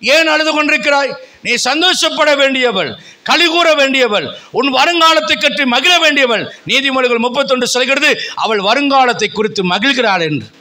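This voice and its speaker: High, bright-voiced impassioned male preacher. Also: normal speed. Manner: impassioned preaching with repeated calls and rising emphasis. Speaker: pastor. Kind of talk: fervent sermon. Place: church sanctuary.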